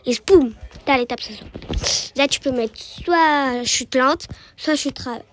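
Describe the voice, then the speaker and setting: A woman's voice: sits high, slow pace, a little hiss or hum, poor audio. A woman giving casual gameplay commentary, chatty and repeating words as she guides the viewer. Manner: chatty, repeats words while guiding the player. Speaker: gaming YouTuber.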